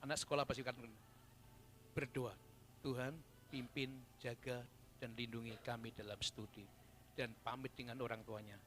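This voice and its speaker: A man preaching a sermon at a church service, dropping to soft murmurs and rising to loud fervent shouts. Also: medium pitch, level tone, moderate pace, pauses often, a little hiss or hum. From Indonesia. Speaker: pastor.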